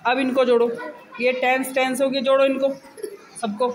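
A woman's voice: high voice, little pitch movement, normal speed. A woman teaching young pupils in a classroom, patiently explaining step by step and coaxing answers with questions. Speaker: primary school teacher. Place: busy classroom. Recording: noisy classroom recording.

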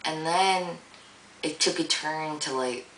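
A woman's voice: sits low, slow, a bit bright, echoey room, distant mic, a little hiss or hum, poor audio. A young woman vlogging in a rambling, casual way, full of fillers and easy swearing, with a groggy morning voice. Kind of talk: casual vlog monologue.

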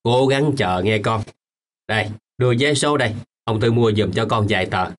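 A man's voice: fairly low pitch, moderate pace, a little hiss or hum, natural voice. A man playing a remorseful old grandfather. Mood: gentle. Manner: gentle, then firm and scolding. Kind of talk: radio drama acting.

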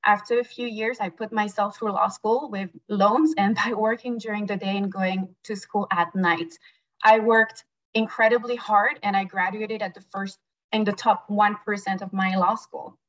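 A woman's voice: medium pitch, fairly even intonation, normal speed, fairly bright tone. A woman in her forties from France, with a French accent and French as her first language, giving an earnest, emphatic campaign speech as a candidate over a video call. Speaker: judicial candidate and prosecutor. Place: indoors, small plain room. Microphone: webcam on a video call. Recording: dull lo-fi video call audio.

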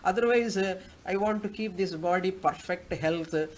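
Speaking at a moderate pace in a high-pitched voice, this man teaches Vedanta with a South Indian accent. His scripture class mixes chanted Sanskrit verses with didactic explanation built on questions he asks and answers himself, and background noise is clearly audible.

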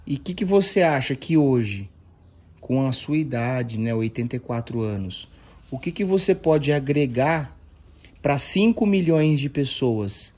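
Husky Brazilian man asking gentle questions. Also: mid-range voice, animated, unhurried. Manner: coaxing, affectionate prompting. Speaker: grandson interviewing his grandfather. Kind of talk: casual chat, asking questions. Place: indoors, off camera beside the table.

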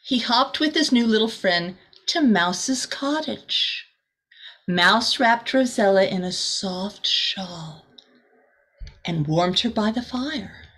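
A middle-aged teacher with a fairly high-pitched voice reads a children's storybook aloud in a small room indoors. She's expressive and deliberate, and she slips in small asides to her listeners.

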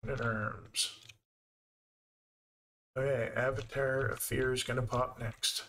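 A man's voice: mid-range voice, little pitch movement, slow, a bit bright, slight background noise. A man with a Canadian accent giving easygoing live commentary while he plays a game and thinks aloud. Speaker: game streamer.

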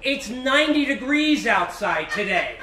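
A frazzled, rambling man, played by a stage actor in a live comedy, his voice pitched very high and swooping all over as he fumes. He sounds roomy and distant, picked up from across a theater stage with a faint hiss behind him. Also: very animated, unhurried, pushed and bright, exaggerated voice. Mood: baffled. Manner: exasperated, rambling, talking to himself. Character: flustered middle-aged man baffled by a giant meatball.

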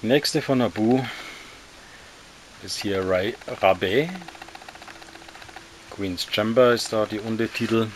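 Lockerer Sammler mit tiefer Stimme. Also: male voice, on the low side, a little hiss or hum. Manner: relaxed, slightly halting, describes while handling. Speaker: toy collector reviewing action figures. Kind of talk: casual hands-on review.

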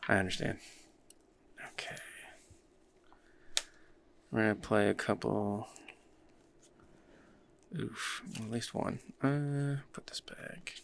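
Gravelly man narrating his card game. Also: lowish voice, slow, long pauses, slight background noise. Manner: easygoing, laughs often, thinks aloud. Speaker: card game player and channel host. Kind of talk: casual play-by-play while playing a card game.

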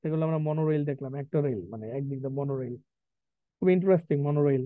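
In a live lecture mixing Bengali and English, a man with a slightly high voice teaches English vocabulary, explaining words and quizzing students. He reads definitions slowly and asks questions. The recording is dry and sounds tinny, like a phone line.

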